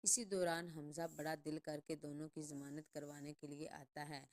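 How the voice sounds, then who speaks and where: A woman's voice: low voice, flat delivery, darkish tone. A woman narrating a scripted drama recap in a dramatic, suspense-building way. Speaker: channel narrator.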